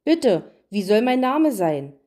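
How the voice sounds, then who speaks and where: A woman voicing a dazed, weak old Santa with a croaky voice, speaking slowly in a storybook reading. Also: fairly high pitch, very animated, a little mellow, full character voice. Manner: weak and slow.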